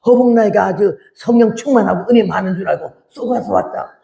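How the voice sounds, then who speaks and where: A woman in her eighties, a missionary, giving an animated testimony sermon and acting out the voices in her story. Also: mid-range voice, fairly quick, creaky. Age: 80s.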